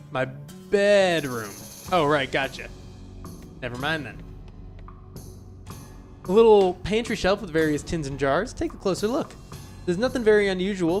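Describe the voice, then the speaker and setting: Man on a let's play, fairly high voice, dry wry asides, faint music behind. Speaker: let's player. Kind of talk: reading game text aloud with commentary.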